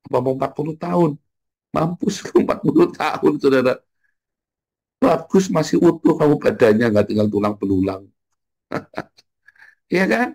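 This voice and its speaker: A man preaching an informal morning sermon, blunt and teasing, swinging from loud jabs to low murmurs. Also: vocal fry. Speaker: pastor.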